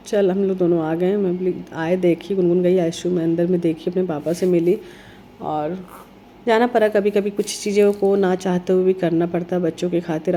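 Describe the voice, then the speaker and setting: A middle-aged woman with a cold, talking earnestly in a casual vlog, her voice heavy and hoarse. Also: mellow, slight background noise. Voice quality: heavy, low-sounding voice. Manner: earnest, reflective, rambling. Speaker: vlogger.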